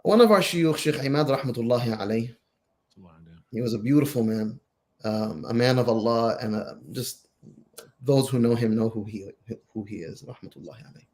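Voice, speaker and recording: A man co-hosting a casual religious chat, telling stories in an animated way and repeating phrases for emphasis. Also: mid-range voice, moderate pace. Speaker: co-host, Islamic teacher.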